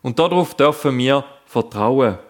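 A man's voice: medium pitch, expressive, a little slow. A man preaching a sermon, speaking earnestly and addressing the listeners directly.

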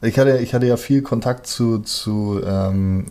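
Unhurried and dark-toned, his fairly low voice carries a relaxed, colloquial chat. The speaker is a musician and rapper, a native German speaker, who often stops to search for the right words.

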